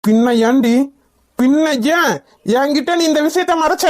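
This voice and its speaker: A woman's voice: high-pitched, normal speed, close to an everyday voice. A woman voicing a hot-tempered young husband in a cartoon, harshly interrogating his wife. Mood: furious. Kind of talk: Tamil cartoon voice acting.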